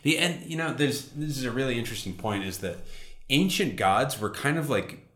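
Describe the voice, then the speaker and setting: A man's voice: medium pitch, lively intonation, moderate pace, fairly bright tone, echoey room. A man casually explaining ancient mythology in conversation, thoughtful and full of "like". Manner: thoughtful, adds context, frequent "like".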